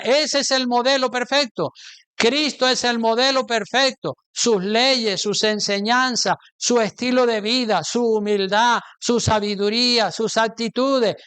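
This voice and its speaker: A pastor preaches a sermon with emphatic force, firing rhetorical questions at the congregation. For a man his voice sits notably high, smooth and clear with a slightly bright quality.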